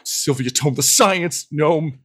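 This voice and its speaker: A man voicing a jumpy, friendly male dwarf guard who stammers and gets excitable. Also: a little high, slow, voice pushed up. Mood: excited.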